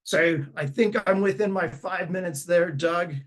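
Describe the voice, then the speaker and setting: Male panelist, voice a little higher than usual, explaining informally on a video call. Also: unhurried. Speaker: university teaching center staff member, panelist.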